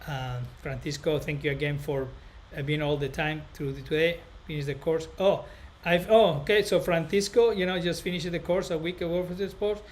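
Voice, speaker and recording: A man from northern Spain hosts a casual live stream as a barber educator, his Spanish accent clear as he rambles haltingly to viewers and repeats himself a lot. He sounds a little high in pitch, with fairly even intonation.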